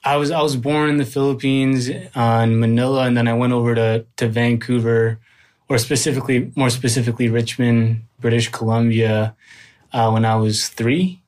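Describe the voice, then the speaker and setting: A man's voice: mid-range voice, level tone, moderate pace, a little mellow. Laid-back male podcast guest from Canada. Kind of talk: casual interview. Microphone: remote call.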